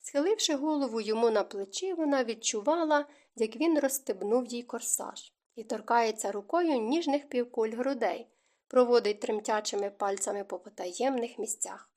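A woman narrating a historical romance audiobook in a smooth, even storytelling manner. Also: on the high side, moderate pace. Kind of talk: scripted narration.

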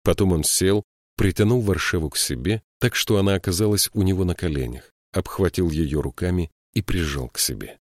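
A man reading a fantasy novel aloud as narrator, in a measured, even way. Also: low-pitched, no room sound, clean studio sound. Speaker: audiobook narrator. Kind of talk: scripted narration.

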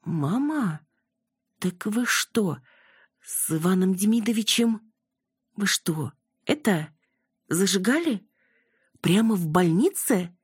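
A woman reading an audiobook, voicing a hoarse young daughter with a teasing, quick manner. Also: medium pitch, big pitch swings, darkish tone, no room sound, studio quality, voice pushed up, heavily acted. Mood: amazed.

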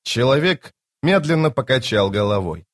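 A man's voice: mid-range voice, lively intonation. Male narrator telling an epic fantasy. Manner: measured, dramatic storytelling. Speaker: audiobook narrator.

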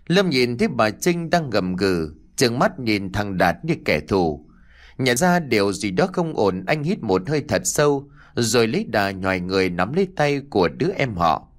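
A man narrating a horror audiobook with an expressive, dramatic delivery. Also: lowish voice, normal speed. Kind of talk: scripted horror story narration.

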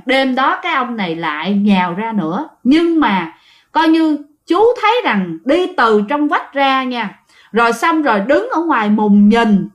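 A woman narrates a ghost story as casual talk. Her voice sits high, and she keeps turning to her listeners as she goes. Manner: chatty, addresses listeners directly.

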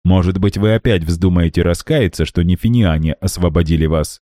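A man voicing an eager, excitable male accomplice in an audiobook reading. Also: low-pitched, normal speed, no room sound, clean studio sound, natural voice. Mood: scornful.

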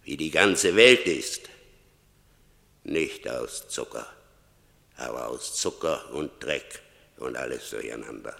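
An actor playing Death in a German radio play, a stern, merciless grim reaper scolding and commanding. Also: male voice, expressive, takes it slowly, pauses often, pushed and bright, heavily acted. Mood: harsh, dismissive. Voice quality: gravelly, very deep. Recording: long cavernous reverb.

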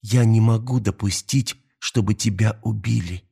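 A man's voice: lowish voice, steady tone, moderate pace, creaky, mellow, slightly rough. A man doing a frightened young woman pleading.

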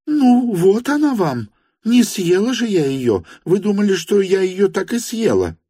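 A man voicing an imperious, agitated older noblewoman in an audiobook reading, shrill and commanding. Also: very animated, slow, slightly rough, no echo, clean studio sound, full character voice. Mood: frantic. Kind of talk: audiobook character voice.

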